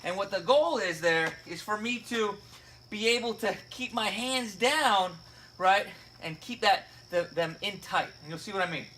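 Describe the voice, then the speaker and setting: A man's voice: sits high, moderate pace, bright, forceful tone, a little hiss or hum. A man giving a casual fitness lesson, explaining step by step and checking in with "right?" and "okay?". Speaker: fitness coach. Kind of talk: casual instructional video.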